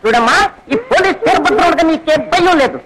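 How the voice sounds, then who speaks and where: An actor playing a comic male railway police constable who talks loudly, teases and scolds with rural wordplay. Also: extremely high pitch, lively intonation, fast. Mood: teasing, scolding. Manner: loud, teasing and scolding, full of rural wordplay. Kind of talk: 1980s Telugu film comedy. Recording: old film soundtrack with loud crowd noise.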